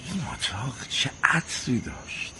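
An actor playing an aging father, bitter and nostalgic, who rants and swings from shouting to murmuring. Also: mid-range voice, big pitch swings, noisy background. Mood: wistful.

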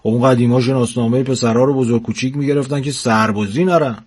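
A man voicing a stubborn, teasing old grandfather in a storybook reading, loud and mocking, drawing words out. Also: mid-range voice, steady tone, breathy edge, lightly acted.

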